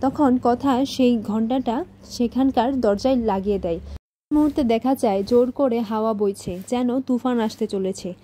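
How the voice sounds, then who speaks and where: A woman's voice: on the high side, moderate pace, warm tone, slight background noise. A woman reading a scripted recap of a television serial episode, voicing the characters' lines in her narrating voice.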